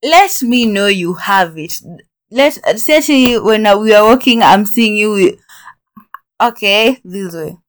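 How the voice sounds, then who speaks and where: A woman chatting casually as a podcast co-host, animated and prone to laughing mid-thought. She often restarts her sentences as ideas come to her. Her voice sits at an ordinary middle pitch. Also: slow. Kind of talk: casual chat.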